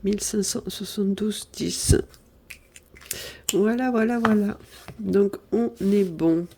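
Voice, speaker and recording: Woman from the south of france with a blocked nose, mellow voice, rambly and apologetic, faint hiss behind. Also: mid-range voice, slow, vocal fry. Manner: rambling, apologetic, thinking aloud over sums. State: stuffy nose from a cold. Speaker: budget vlogger. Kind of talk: casual budget diary chat. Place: apartment at home.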